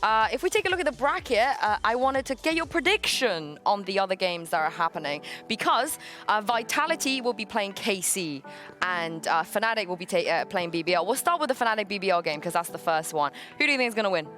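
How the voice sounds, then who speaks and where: A woman hosting a casual post-match interview, playful, laughing often and asking lively questions. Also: mid-range voice, a little fast, faint music behind. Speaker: host.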